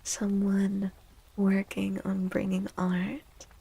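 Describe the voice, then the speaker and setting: Speaking softly to her stream's viewers during tarot readings, this woman uses a breathy, whispery ASMR voice of medium pitch, dark and mellow with clear vocal fry. Her delivery is completely flat, slow and drawn-out, captured on a close microphone.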